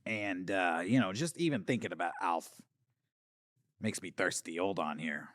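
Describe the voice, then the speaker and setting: A man's voice: sits low, normal speed, fairly bright tone, no echo. A man voicing a washed-up male alien star from the eighties who rambles and slurs, swinging between boasting and muttering, in a comedic monologue. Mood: bitter. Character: washed-up male 80s alien puppet star, boozy and bitter. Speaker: talk show host character.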